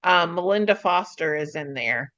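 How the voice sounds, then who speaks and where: Woman, casual recap chat, excitable, acts out lines, slightly muffled recording. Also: on the low side. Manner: excitable, acts out characters' lines in quick voices. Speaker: podcast co-host.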